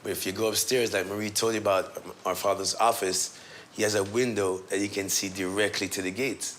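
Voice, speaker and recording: A middle-aged Jamaican man telling relaxed stories, laughing often and trailing off as he talks. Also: lowish voice, a little fast, slight background noise. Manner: laid-back, laughs often, trails off and restarts. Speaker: son of the musician, tour guide. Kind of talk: relaxed storytelling.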